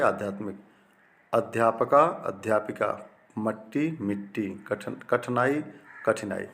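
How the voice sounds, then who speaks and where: A man teaching a Hindi grammar lesson, reading each wrong sentence and then its correction, often checking with "right?". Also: medium pitch. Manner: repeats each example twice, wrong form then correct, with frequent "ठीक है ना" checks.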